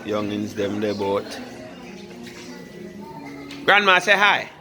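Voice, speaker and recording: A man with a lowish voice, wide pitch swings and a slow delivery jokes around in laid-back patois while filming a family holiday dinner at home. Music and crowd chatter are clearly audible behind him.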